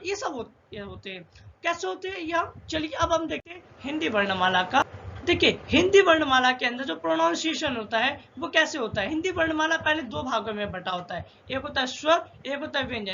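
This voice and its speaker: A male teacher giving a spoken language lesson, slowly and deliberately drilling letter sounds one by one. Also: extremely high pitch, vocal fry, sharp tone. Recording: dull lo-fi with faint hiss.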